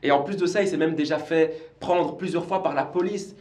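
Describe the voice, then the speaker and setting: A man's voice: a little high, normal speed, darkish tone. Guy preaching a sermon on a live stream, earnest, repeats himself a lot, echoey church sound.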